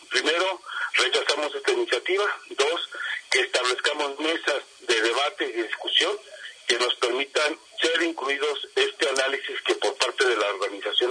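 Union leader giving a formal statement. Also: male voice, mid-range voice, bright, forceful tone, slightly rough, low-quality recording. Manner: formal, with restarts and fillers. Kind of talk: public statement.

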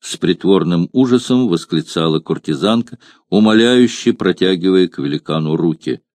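A man narrating an audiobook in a measured, expressive reading. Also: low voice, no room sound.

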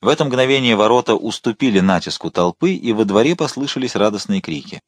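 Male audiobook narrator, low dry voice. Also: quick pace, dry recording. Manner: steady, expressive storytelling. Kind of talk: scripted narration.

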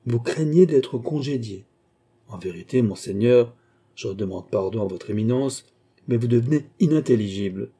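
A man reading a proud, sharp-tongued countess. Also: mid-range voice, animated, moderate pace, husky. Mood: proud guarded. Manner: haughty, sharp-tongued, coy. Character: proud, guarded young woman, a countess.

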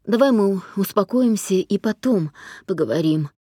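A weary middle-aged mother, put on by a woman narrator, speaks softly and cautiously. Her words are measured and careful. The read is dry and close. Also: medium pitch, lively intonation, no echo, lightly acted. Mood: soothing. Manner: soft, careful, hesitant.

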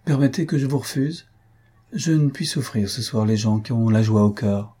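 A man voicing a young countess, sorrowful and fervent, in a raised, gentle voice. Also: mid-range voice, moderate pace, husky, close to an everyday voice. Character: grieving, warm-hearted young countess.

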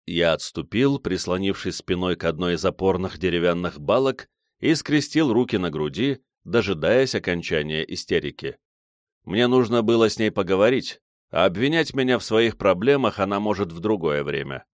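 Low-voiced male audiobook narrator, dry. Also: lively intonation, moderate pace, dry recording. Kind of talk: first-person scripted narration.

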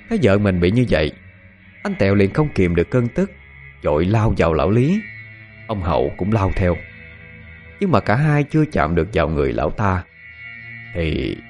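A male storyteller with a lowish voice narrating a ghost story, his pitch rising and falling with the drama. Soft music plays faintly underneath. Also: normal speed, pauses often. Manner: animated, expressive storytelling.

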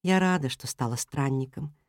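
A storyteller voicing a slender, tender mother cat in a children's audiobook, speaking softly. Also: mid-range voice, moderate pace, no echo, clean studio sound, close to an everyday voice. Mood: wistful. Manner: soft and tender. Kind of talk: storybook reading.

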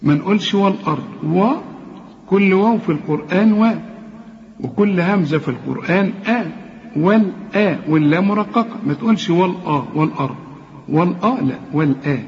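A man's voice: sits high, darkish tone. Egyptian man teaching Quran recitation, reverberant. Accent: Egyptian Arabic. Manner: explains patiently, repeats words slowly to demonstrate. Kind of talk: tajweed lesson with recited examples. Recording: reverberant, slightly dull recording.

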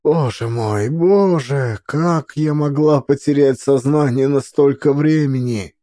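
A man's voice: medium pitch, slow, warm tone, dry recording, clean studio sound, voice pushed up, close to an everyday voice. Man putting on a frantic young mother's voice. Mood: anguished. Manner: frantic, pleading cries. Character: desperate young mother searching for her children.

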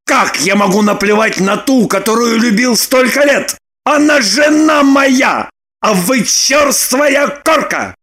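A distraught, furious man who howls and bellows his lines in slow, stretched-out cries, as a woman narrator puts him on. The voice sits high for a man and drags each word out. It is an audiobook character voice. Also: lively intonation, exaggerated voice. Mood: outraged wailing. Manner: shouting, wailing, drawn-out outbursts. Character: furious heartbroken man, wailing and raging.

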